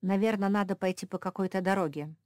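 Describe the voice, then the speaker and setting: A woman's voice: mid-range voice, fairly even intonation, fast, a little mellow, no echo, studio quality, pitched above the performer's own voice, lightly acted. A woman voicing a nervous, earnest female pug. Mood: musing. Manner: earnest, anxious.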